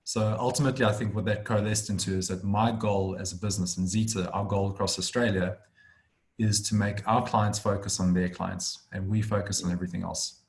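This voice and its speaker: Speaking briskly in a deep, steady voice, a South African director in his thirties fluently recounts his story in a webinar conversation. His accent is South African and his manner is firm.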